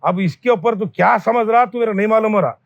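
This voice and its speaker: A man's voice: high-pitched, fairly quick, creaky, dry recording, muffled recording. A man giving an angry public warning to a businessman, scolding bluntly and repeating his threats. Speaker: local activist addressing a company owner.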